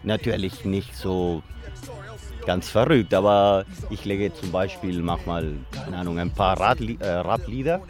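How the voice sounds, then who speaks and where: A man's voice: low voice, unhurried, soft background music. A man from Chile, a guest DJ speaking earnestly in simple, during a casual interview outdoors by a lake. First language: Spanish. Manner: earnest, in simple non-native German.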